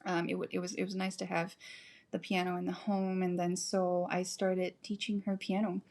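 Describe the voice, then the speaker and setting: A woman's voice: lowish voice, flat delivery, normal speed, a little mellow. A woman in her forties from Malaysia, a composer telling her story in a casual interview, chatty and often laughing. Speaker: guest composer.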